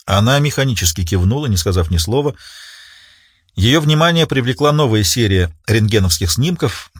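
Husky guy reading a detective audiobook, steady, dry close sound. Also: fairly low pitch, no room sound. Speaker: audiobook narrator. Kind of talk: scripted audiobook narration.

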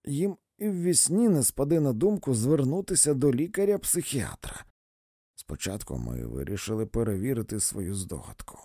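A man's voice: medium pitch, dark tone, dry recording, clean studio sound. A man voicing an earnest, persuasive old man who pleads to be heard. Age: older.

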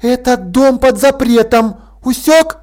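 A man's voice: very high voice, slow pace, a little mellow, voice pushed up. A man voicing a stern, unflappable young governess in an audiobook, dry and firmly threatening. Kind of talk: audiobook character voice.

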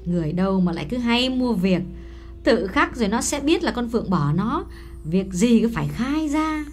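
A man voicing a sharp-tongued, scolding middle-aged mother with shrill, nagging rebukes. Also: big pitch swings, a little fast, faint music behind.

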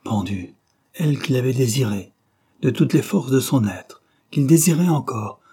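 A man reading a novel aloud as narrator, in a measured, grave storytelling manner. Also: mid-range voice, lively intonation, mellow, husky. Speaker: audiobook reader.

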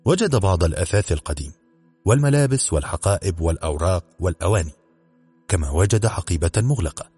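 A man reading a mystery novel aloud as the narrator, in a steady, measured way. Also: sits low, husky, no echo, faint music behind. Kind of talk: scripted audiobook narration.

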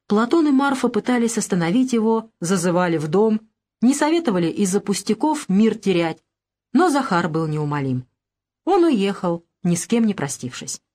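A woman narrating a novel as an audiobook, in a steady, even storytelling manner. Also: medium pitch. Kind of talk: scripted narration.

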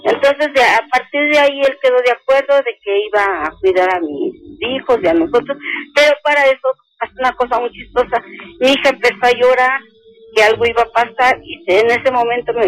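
An older woman calling a radio show, slowly and earnestly telling a personal story and quoting each speaker. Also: on the high side, rough recording. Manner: slow, earnest retelling that quotes each speaker. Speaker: caller.

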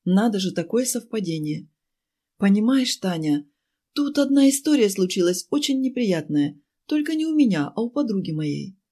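A woman voicing a chatty, fussing woman who runs a cafe, pleading and talking fast in an audiobook. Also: mid-range voice, very animated, dark tone, voice pushed up. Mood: fussy, pleading. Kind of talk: audiobook character voice.

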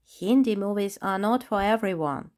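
A woman's voice: mid-range voice, moderate pace, darkish tone, close to an everyday voice. A woman voicing a sensible, attentive female doll in a children's audiobook, talking politely and reasoning things through. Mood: earnest.

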